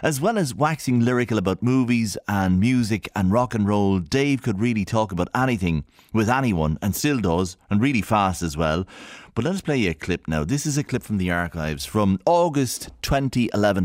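A man's voice: on the low side, animated, brisk, no echo. An Irish man presenting live radio from a studio, chatty and enthusiastic. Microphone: studio microphone.

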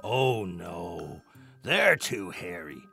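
A woman's voice: very deep voice, very animated, very slow, fairly bright tone, soft background music, voice pushed down, exaggerated voice. A woman voicing a hungry, fussy male spider who grumbles and savours talk of food. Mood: greedy. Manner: gruff, fussy, relishing food.

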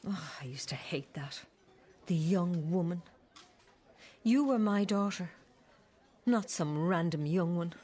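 A woman's voice: on the low side, takes it slowly, long pauses, mellow. A woman acting as a guilty, defensive older mother in a drama, pleading and hesitant with her estranged daughter. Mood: wounded, resentful. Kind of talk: dramatic two-hander dialogue.

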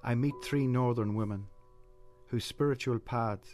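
A man's voice: mid-range voice, measured pace, a little mellow. A man reading scripted documentary narration as the programme's reporter. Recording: music under narration.

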